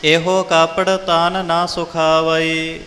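A man reciting scripture in a measured sing-song chant, pausing between lines for correction. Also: on the high side, level tone, sharp tone, in a large hall.

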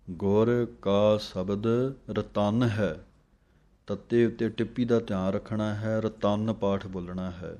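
A man teaching how to pronounce recited scripture, chanting each verse slowly and then explaining it in measured steps. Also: lowish voice, dark tone. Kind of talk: pronunciation lesson on recited scripture.

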